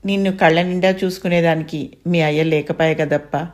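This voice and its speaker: A woman's voice: low voice, steady tone, moderate pace, darkish tone, lightly acted. A woman voicing a grieving elderly village mother, speaking with a Rayalaseema accent in pleading, sobbing dialect speech. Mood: weeping. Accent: Rayalaseema Telugu. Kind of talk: dramatized story reading.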